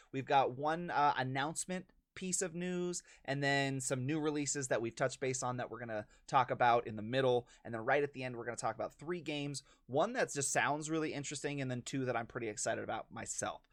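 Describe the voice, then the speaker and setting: Man, gaming news host, casual and chatty, mid pitch, dry close sound. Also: dry recording. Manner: chatty, opinionated, conversational asides.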